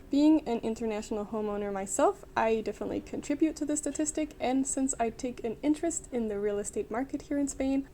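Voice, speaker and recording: A young woman from Denmark narrates an explainer for her vlog in an upbeat, clear, informative way. Her voice sits a little high but sounds mellow and warm. A faint hiss runs under the recording. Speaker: vlogger.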